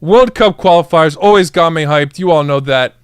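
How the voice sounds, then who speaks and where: A man's voice: fairly high pitch, normal speed, smooth, no room sound, clean studio sound. A young man streaming a live football reaction, hyped up, cheering and talking to his chat. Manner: hyped, chants and cheers, addresses chat as guys. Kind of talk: excited live match reaction.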